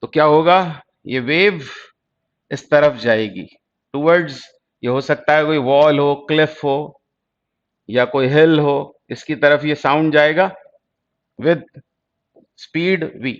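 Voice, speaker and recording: A man's voice: fairly high pitch, slow, pauses often, muffled recording. A man teaching physics for entrance exams, patiently explaining and repeating key terms. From India. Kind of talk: exam-prep lecture.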